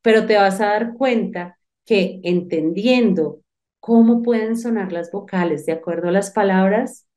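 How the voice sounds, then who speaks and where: Woman teacher, mellow and warm, chatty lesson delivery with direct address. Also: mid-range voice, a little slow. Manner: lively, talks directly to the student, thinks aloud. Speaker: English teacher. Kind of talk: online phonics lesson.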